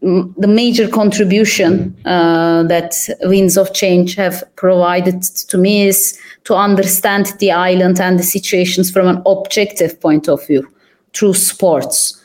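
A young adult woman from Turkey, a podcast guest, answering thoughtfully with frequent pauses and fillers. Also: on the low side, steady tone, a little mellow. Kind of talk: conversational interview answers.

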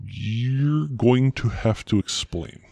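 A man's voice: mid-range voice, slow, gravelly, darkish tone, husky, no echo, full character voice. A man playing a stuffy, pompous interviewer with a formal, exasperated manner in a comedy sketch.

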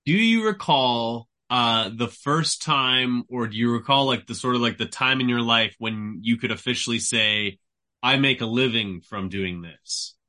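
A man's voice: mid-range voice, unhurried, sharp tone. A man in his thirties hosting a podcast interview, asking enthusiastic, hesitant questions full of "like". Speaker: podcast host. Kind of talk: casual interview.

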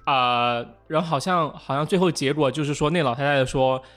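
A man co-hosting a casual podcast chat, telling a childhood story in animated, halting fashion with many restarts. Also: a little high. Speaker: podcast co-host.

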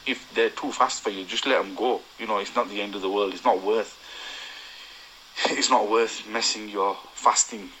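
A man's voice: on the low side, steady tone, normal speed, bright, forceful tone, a little hiss or hum, poor audio. A man with a Yorkshire accent reads his prepared riding tips aloud, earnest and full of ums and small self-corrections. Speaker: guest cyclist giving advice.

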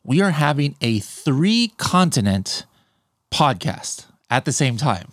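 An American man hosting a casual podcast, chatty and rambling, full of "uh" and "you know." His voice sits at an ordinary middle pitch. It is recorded close and dry, with no room sound at all. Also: sing-song, slow, no echo. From United States. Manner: rambling, with many fillers and restarts. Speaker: podcast host. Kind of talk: unscripted podcast interview.

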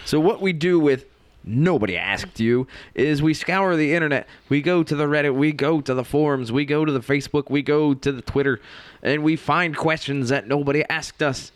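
A man's voice: fairly high pitch, moderate pace, smooth, dry recording. A man co-hosting a podcast, chatting casually and introducing segments in an upbeat way. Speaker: podcast co-host. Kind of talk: casual chat.

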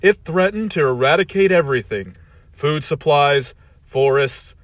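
A man voicing a cold, megalomaniac middle-aged man who speaks slowly, loudly and with menace. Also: fairly high pitch, expressive, no echo. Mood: gloating. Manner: slow, loud, menacing.

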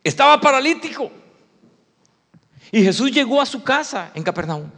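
High-voiced preacher in a reverberant hall. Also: male voice, big pitch swings, moderate pace. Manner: dramatic, acts out the story, swings from shouting to hushed. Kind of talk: sermon.

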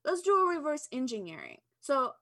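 A woman from Albania talks as a podcast guest in a casual interview, blunt and candid with no filter. Her voice sits a little high and rings bright and forceful. She speaks eagerly, piling up examples. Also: sing-song, brisk.

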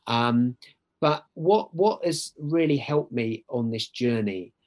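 A man's voice: medium pitch, takes it slowly, a little mellow. A middle-aged man with an Essex accent tells personal stories as a podcast guest, in an earnest, emphatic way, often checking in with "right?". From Essex, England. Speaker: podcast guest, church worker. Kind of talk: conversational personal storytelling.

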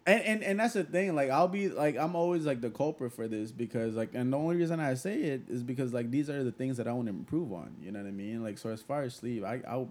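A man's voice: mid-range voice, quick pace, few pauses, a little mellow. A young man co-hosting a casual chat, rambling and often checking that he is understood. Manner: rambling, repeats "like" and "you know what I mean". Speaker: podcast co-host.

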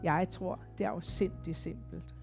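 A woman narrating an audiobook voices a calm, seductive man in a low, gentle tone. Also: gravelly, soft background music.

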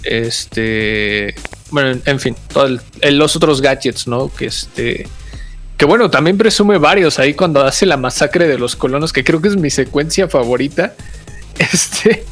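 A man's voice: mid-range voice, unhurried, a bit bright, soft background music. A man, co-hosting a casual film review chat, hesitant with many restarts and fillers.

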